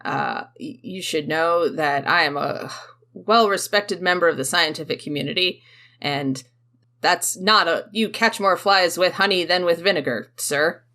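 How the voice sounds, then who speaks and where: Game master voicing a gnome scholar, older, male, gravelly, huffy, lecturing, bright tone. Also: mid-range voice, measured pace.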